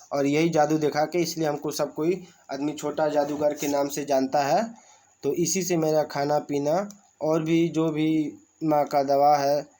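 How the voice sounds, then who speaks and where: Male teacher, unhurried and slightly high voice, reads a text and explains it plainly. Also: warm tone. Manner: reads a passage aloud, then explains it in plain words. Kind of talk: reading and explaining a school lesson.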